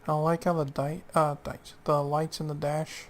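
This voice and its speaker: A man's voice: fairly high pitch, flat delivery, normal speed, a little hiss or hum. A man casually talking through his gameplay, muttering to himself and often dropping to a near whisper. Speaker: gaming channel host.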